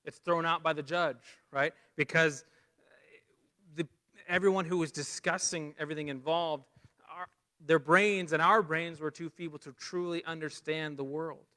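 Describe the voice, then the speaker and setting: A man preaching a lesson, animated, rising loud for emphasis and dropping low and quiet for key points. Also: moderate pace. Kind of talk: sermon lesson.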